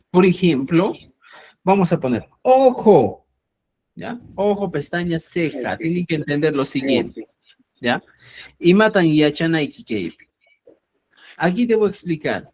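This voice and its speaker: A man's voice: high-pitched, a little mellow. A man teaching a grammar lesson, explaining step by step and checking in often with his students. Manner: explains slowly, checks in with a frequent "¿ya?"; addresses listeners as "estimados amigos". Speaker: Quechua teacher.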